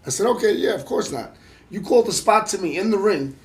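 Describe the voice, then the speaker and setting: Animated high-voiced man in his thirties. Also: fairly quick. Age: 30s. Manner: animated, acts out quotes, laughs while telling stories. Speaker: host and pro wrestler. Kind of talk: casual storytelling chat.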